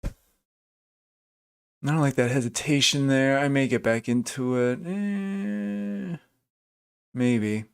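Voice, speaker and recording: Slow and gravelly yet clear and resonant, the mid-range male voice pauses often. He's a day trader commenting casually on a live stream, chatting, restarting thoughts, and reading chat names aloud as he responds to viewers.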